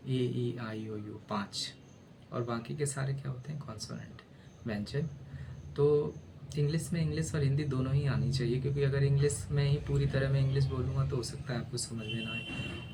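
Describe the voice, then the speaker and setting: A man's voice: mid-range voice, noisy background. A male teacher gives a casual spoken lesson, spelling letters aloud and often asking "है ना?".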